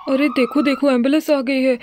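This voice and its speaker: A woman's voice: high voice, fairly even intonation, brisk, a little mellow, a little hiss or hum, lightly acted. A woman voicing a worried village father in a children's doll story, flustered and repeating words in alarm. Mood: anxious. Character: worried village father, panicky after an accident.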